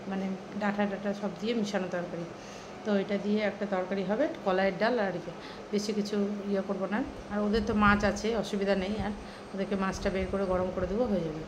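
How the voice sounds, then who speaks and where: Brief: middle-aged woman home vlogger, hushed and tired, mid pitch, steady household noise behind. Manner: soft-spoken, rambling, trails off with fillers. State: tired and thirsty from the heat. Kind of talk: casual daily-life vlog chat.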